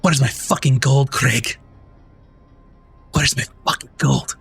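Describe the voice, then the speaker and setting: A man voicing a jovial but menacing male pirate quartermaster who swings between loud laughter and threats. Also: medium pitch, a little slow, vocal fry, husky, soft background music, full character voice.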